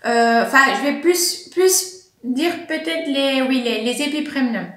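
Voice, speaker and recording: Woman, plant vlogger, casual chat, hesitant fillers, fairly high voice, echoey room. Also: measured pace, a bit bright. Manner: chatty, many fillers and laughs. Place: at home.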